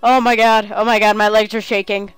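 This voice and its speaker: A woman commentating her own game play, excitable and talking to herself, with cheering outbursts. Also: mid-range voice, a little fast, smooth, dry recording, soft background music. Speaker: gamer playing a game on video.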